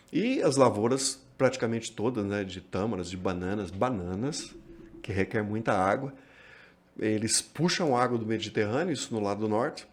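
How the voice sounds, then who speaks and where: A Brazilian pastor, telling a travel story as a podcast guest. He is a lively storyteller who acts out quoted dialogue. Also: medium pitch. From Minas Gerais, Brazil. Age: 50s.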